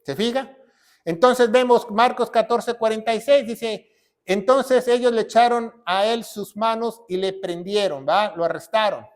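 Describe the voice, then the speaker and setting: A man preaching as a pastor, his voice pitched high for a man. He lays out a Bible lesson in order, step by step, and keeps asking his listeners whether they are following. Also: a little slow. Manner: explains step by step, often checks in with the congregation. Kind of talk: Bible teaching sermon.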